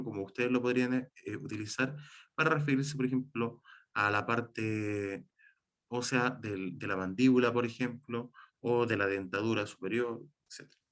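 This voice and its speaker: A man teaching a class, explaining each rule slowly with example words and frequent fillers. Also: mid-range voice, fairly bright tone. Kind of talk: classroom lecture on writing and spelling.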